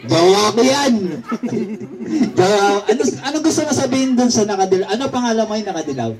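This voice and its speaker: A man's voice: high voice, lively intonation, a little fast, recorded from a distance. A man hosting a party game, teasing and chatty, often laughing and counting down to the crowd. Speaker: party emcee.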